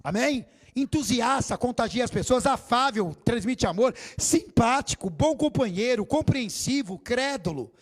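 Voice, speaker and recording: A man preaching a sermon as bishop in a church, lively and theatrical. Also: very high-pitched, a little slow, hardly any pauses, breathy edge. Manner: animated, theatrical preaching with acted quotes.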